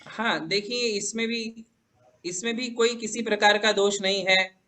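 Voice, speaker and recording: A man's voice: high-pitched, fairly even intonation, measured pace, bright, forceful tone. A man, a Jain monk, answering devotees' questions in a patient, reassuring, explanatory way. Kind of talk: religious question-and-answer teaching.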